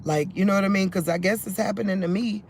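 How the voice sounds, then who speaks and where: This religious vlog has a fairly high-voiced man talking into his phone at a quick clip, loose and chatty, often abandoning sentences to begin them again. The phone mic captures background noise.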